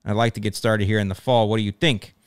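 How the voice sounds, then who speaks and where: A man's voice: fairly low pitch, fairly even intonation, fast, clean tone, dry recording, studio quality, lightly acted. A man reading a viewer's letter aloud in a put-on Chicago accent, voicing an eager, chatty male homeowner from the suburbs. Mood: friendly.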